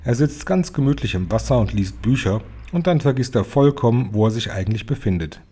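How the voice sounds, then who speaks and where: A man voicing a calm, gracious old grandmother in a storybook reading, politely composed. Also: medium pitch, fairly quick, slightly rough.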